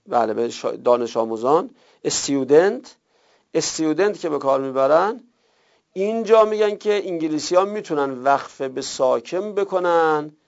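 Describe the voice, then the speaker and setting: Man, classroom grammar lesson, rough gravelly tone, muffled lo-fi recording. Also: fairly high pitch, expressive. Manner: reads Arabic text aloud then explains it in colloquial Persian. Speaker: teacher of Arabic grammar. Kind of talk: seminary-style grammar lesson. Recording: dull lo-fi recording.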